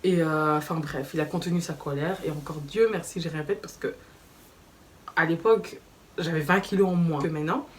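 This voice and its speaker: A young woman with a lowish voice tells a story in a casual vlog, slangy and animated, acting out what people said. She sits a little back from the mic, and faint background noise runs under her voice. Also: normal speed, far from the mic. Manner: animated, slangy, acts out quoted dialogue. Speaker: vlogger.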